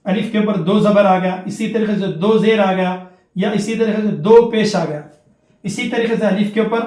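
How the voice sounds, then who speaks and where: A man with a high voice teaches a Quran recitation lesson, going over each rule more than once. He chants the example syllables in a slow, drawn-out way. The room has a lot of echo. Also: darkish tone.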